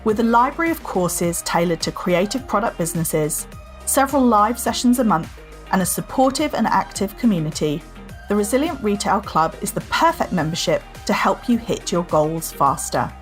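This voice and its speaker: A woman's voice: mid-range voice, very animated, normal speed, faint music behind. A woman hosting a podcast, thanking her guest and reading an upbeat, polished outro. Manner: upbeat, friendly, polished promotional delivery. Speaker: podcast host. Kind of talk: interview hosting and scripted outro.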